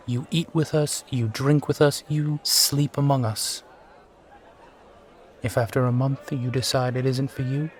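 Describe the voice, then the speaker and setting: A man acts out a brooding sky pirate captain from a steampunk roleplay, speaking at a very unhurried pace. He is a courtly, charming old soldier who rambles wistfully and sighs, with noticeable ambient noise around him. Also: mid-range voice, darkish tone, lightly acted. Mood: inviting, firm. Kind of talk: immersive one-sided roleplay audio acting.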